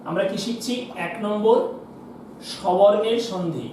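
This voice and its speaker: A man's voice: sits high, normal speed, mellow. A male teacher giving a classroom lesson at the board, explaining step by step and asking his class questions he then answers himself. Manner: explains step by step, asks and answers his own questions, often says "কেমন?". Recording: echoey room, voice from far off, faint hiss.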